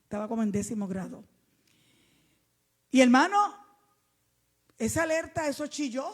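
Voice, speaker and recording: A middle-aged woman from Puerto Rico with a Puerto Rican accent, preaching a sermon fervently to her congregation and swinging between loud and soft. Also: high-pitched, expressive, moderate pace. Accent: Puerto Rican Spanish. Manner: fervent preaching, calls listeners amado and hermano, rises and drops in volume.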